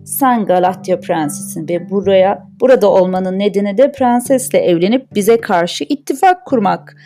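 A woman's voice: mid-range voice, moderate pace, mellow, faint music behind, pitched below the performer's own voice, close to an everyday voice. A woman voicing a cold, menacing male assassin leader in a storybook reading, speaking curtly and with threat. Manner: curt, threatening.

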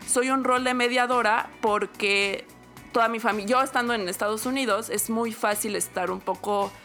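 Faint music sits behind this young adult woman from Mexico as she recounts something that happened to her during a casual podcast chat. Her voice is slightly high, her speed normal, and her Mexican Spanish accent clear as she animatedly performs the quoted lines.

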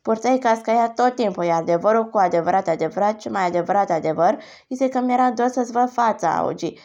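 Woman reading gentle joking father, middle-aged, audiobook, medium pitch. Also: highs cut off, lightly acted. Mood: earnest. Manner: gentle, teasing.

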